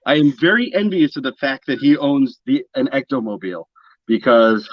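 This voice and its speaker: A man's voice: medium pitch, normal speed. A man speaking as a podcast guest in a casual, conversational interview style. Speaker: podcast guest, psychic medium. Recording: slightly dull, lo-fi audio.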